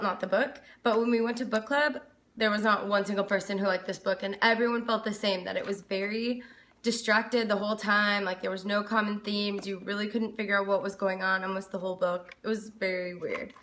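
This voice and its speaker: Talking informally to the camera, this woman reviews books as a video host and tends to wander off topic a little. She has a mid-range, slightly bright voice, captured in an echoey room.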